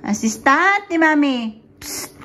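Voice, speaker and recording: A high-pitched woman, talking slowly and chattily in a home garden vlog. She mixes Tagalog and English and coos at her toddler. Her voice sounds roomy and a bit far from the mic, with faint background ambience. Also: lively intonation, sharp tone, slight background noise. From Philippines. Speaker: mother vlogger.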